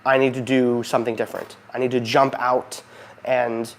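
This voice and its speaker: A man's voice: medium pitch, little pitch movement, normal speed. Man, mid-range voice, vlog host, casual and unscripted, goofy, rambling, self-interrupting. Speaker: video channel host. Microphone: recorded beside a noisy heating fan.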